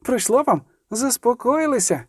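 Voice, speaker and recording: Guy doing a furious archer woman, high yelling scolding voice, dry close audiobook sound. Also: big pitch swings, normal speed, slightly rough, no room sound, heavily acted. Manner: shouting, scolding.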